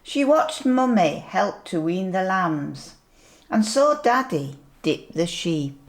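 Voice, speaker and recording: Slow-reading sweet older woman, grandmotherly storyteller. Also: medium pitch, big pitch swings. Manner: slow, deliberate storytelling with asides. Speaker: grandmother reading a picture book. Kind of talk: storybook read-aloud to young children.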